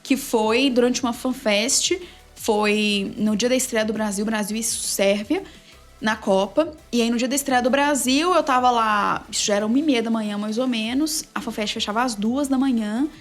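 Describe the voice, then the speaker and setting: A woman sports journalist and narrator, a guest telling a story with quick, emphatic energy in a casual interview. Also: a little high, faint music behind.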